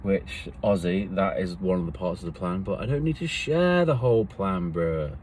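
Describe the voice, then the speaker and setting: A man's voice: low voice, lively intonation, moderate pace, darkish tone, slight background noise. A man, talking to himself in a meandering, reflective solo monologue that often trails off. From England. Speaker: vlogger.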